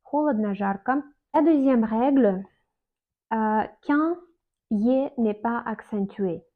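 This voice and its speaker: A woman's voice: fairly high pitch, takes it slowly. A woman teaching a casual video lesson, speaking hesitantly with many fillers and restarts. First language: Russian. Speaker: Russian teacher. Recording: tinny phone-like sound.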